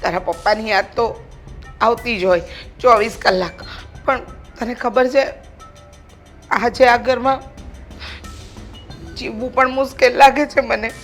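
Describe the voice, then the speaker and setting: A woman's voice: on the high side, steady tone, a little slow, long pauses, soft background music. An older woman playing a scheming widowed mother-in-law who wails and accuses in a family drama. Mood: complaining tearfully. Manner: wailing self-pity, accusing.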